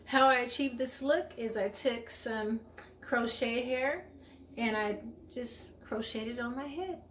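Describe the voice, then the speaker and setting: Filming a relaxed grocery haul vlog at arm's length in her own kitchen, this woman in her forties talks cheerfully to viewers. She speaks a little high and a little slowly, with a somewhat bright voice. Faint room noise and echo fill the space.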